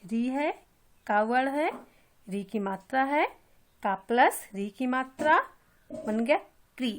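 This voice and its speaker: A woman's voice: high-pitched, animated, slow pace. A woman teaching young children, patiently repeating and drawing out each sound step by step. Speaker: kindergarten teacher. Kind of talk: slow step-by-step Hindi lesson for young children.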